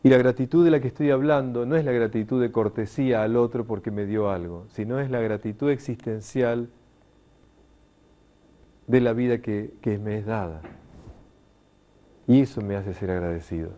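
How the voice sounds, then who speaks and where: A middle-aged man teaches before an audience in an emphatic, lively lecturing manner. His voice is dark and mellow, and he slips into the voices of the people he quotes. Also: medium pitch, normal speed, pauses often, lo-fi sound. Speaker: lecturer on consciousness.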